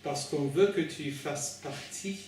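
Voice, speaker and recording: A man who is not a native French speaker preaches informally in French with a foreign accent, in a halting, hesitant way, repeating and correcting his words as he addresses listeners directly. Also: a little high, darkish tone. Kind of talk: informal sermon at an evening meeting. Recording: very echoey room, distant mic, faint noise.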